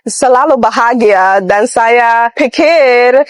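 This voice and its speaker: A woman's voice: on the high side, slow pace, no room sound. A woman with an American accent, a native English speaker, talking about herself in a careful learner's manner.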